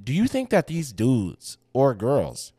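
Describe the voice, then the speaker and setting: A man's voice: mid-range voice, huge pitch swings, slow pace, dark tone, slightly rough, no room sound, clean studio sound. A young man bantering as a podcast co-host in a slangy, profane frat-bro manner, saying bro constantly. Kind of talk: casual banter.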